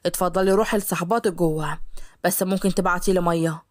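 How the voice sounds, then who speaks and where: A woman voicing a kind, quiet-loving young man from a rich family in an Egyptian-accented audio story, speaking in a calm, reasoning tone. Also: lowish voice, quick pace, natural voice.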